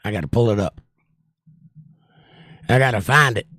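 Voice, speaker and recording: An older man hosts a livestream chat, reading viewer comments aloud and answering them. His worn voice, marked by years of trouble, is on the low side, expressive and a bit bright, at normal speed.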